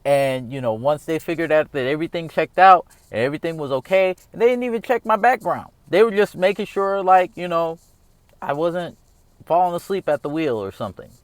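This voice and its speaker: Fairly high-pitched and animated, this American man in his thirties speaks a little fast on a dry recording. He's a vlogger giving a casual opinion monologue, earnest, rambling, and emphatic, with "all right?" repeated often.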